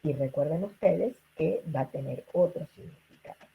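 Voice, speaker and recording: Husky, gravelly woman lecturing. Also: low-pitched, normal speed, phone-quality sound. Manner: checks in with listeners with frequent rhetorical "¿sí?" and "este" fillers. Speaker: linguistics lecturer. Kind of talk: online lecture to students.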